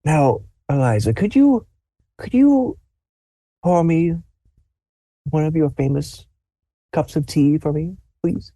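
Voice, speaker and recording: Man putting on a frail old grandfather, high quavery voice, slow doting speech, dry close sound. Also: lively intonation, warm tone, dry recording, full character voice. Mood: gentle. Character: kindly half-blind old grandfather, hard of hearing.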